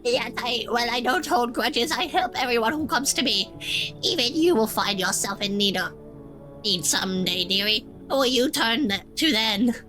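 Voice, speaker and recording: A woman's voice: a little high, animated, moderate pace, pushed and bright, faint music behind. A woman voicing a weary, sly old wandering lady who speaks in folksy riddles with a tired old voice. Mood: ominous, knowing. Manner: folksy, riddling, calls listener dearie.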